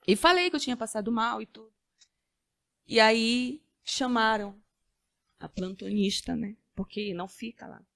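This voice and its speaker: A woman giving a personal faith-filled testimony as a podcast guest, earnest, with halting restarts. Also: a little high, creaky, a bit bright, dry recording, studio quality. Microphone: studio podcast mic.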